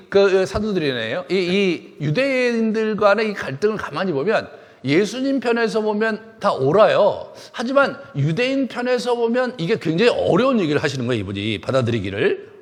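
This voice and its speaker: A man preaching a sermon as pastor, acting out the words he quotes with lively delivery. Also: high voice. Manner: animated preaching, acts out quoted speech. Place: church sanctuary. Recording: long hall reverb.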